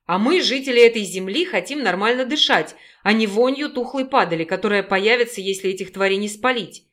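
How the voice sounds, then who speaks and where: A woman's voice: mid-range voice, expressive, brisk, a bit bright, close to an everyday voice. Woman reading as a harsh, scolding werewolf man. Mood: sarcastic. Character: gruff angry male werewolf rescuer. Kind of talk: audiobook reading.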